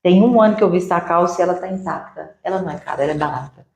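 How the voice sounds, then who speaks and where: Energetic woman. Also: on the low side, rapid-fire, gravelly. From Uberlândia, Minas Gerais, Brazil. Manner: energetic, teacherly, acts out sample dialogues. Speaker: sales mentor guest. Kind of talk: didactic interview answers. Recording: echoey room.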